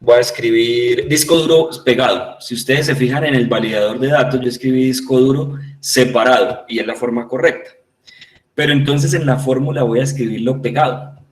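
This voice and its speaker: A man's voice: mid-range voice, fairly even intonation, a little fast, roomy sound, poor audio. A man with a Colombian Spanish accent teaching a class online, patiently repeating points and checking that his students understand.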